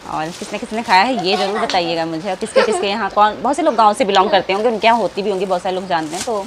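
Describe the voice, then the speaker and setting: A woman's voice: mid-range voice, very fast, over a noisy crowd. An adult woman chatting affectionately to her viewers in a casual home vlog. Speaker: family vlogger. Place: family home indoors. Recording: noisy home background.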